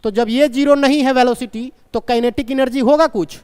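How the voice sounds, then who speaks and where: A man's voice: extremely high pitch, fairly even intonation, fairly quick, a little mellow, clear, resonant tone. A man teaching a live physics class, terms into his talk and repeatedly quizzing his students. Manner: questioning, repeats key points. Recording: long reverb from a large room.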